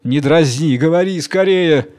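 Guy doing a sneaky cheeky monkey lady from a fairy tale, high and teasing. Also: a little slow, a little mellow, close to an everyday voice. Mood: anxious. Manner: taunting, higher-pitched. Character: clever sly female monkey, mocking.

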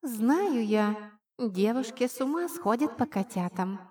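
In an audiobook reading, a woman voices a cheeky invisible male spirit that becomes a tiny winged kitten, using a nasal whisper that's teasing and condescending. The mood is sulky teasing. Her own voice is slightly high, animated, warm, and measured in pace.

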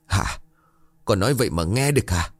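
A man voicing a grieving elderly village mother in a ghost story, pleading in a high, tearful voice. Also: animated, moderate pace, dry recording.

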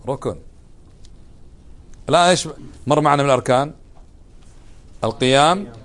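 A man teaches a religious lesson, his voice sitting a little high. He talks in plain dialect and keeps putting questions to his students. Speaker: Islamic teacher.

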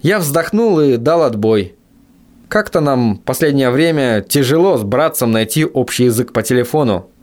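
A man narrating a novel in the first person, in a level, measured reading voice. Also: mid-range voice, animated, darkish tone. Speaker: audiobook narrator.

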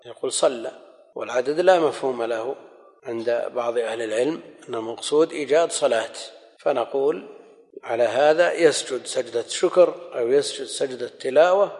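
A man teaching a scholarly lesson in a measured, explanatory manner, often repeating key phrases. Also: medium pitch, darkish tone. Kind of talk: recorded lecture commentary. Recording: long hall reverb.

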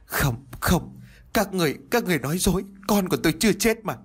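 A man's voice: on the low side, big pitch swings, very fast, darkish tone, husky, full character voice. A man voicing a frantic grieving young mother. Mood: anguished. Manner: pleading, sobbing cries. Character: grieving young pregnant woman, distraught.

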